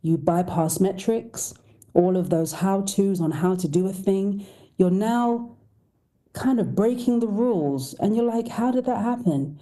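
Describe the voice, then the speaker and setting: A woman's voice: mid-range voice, measured pace, warm tone. A woman voice coach, a podcast guest, speaking emphatically with rhetorical questions. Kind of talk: podcast interview.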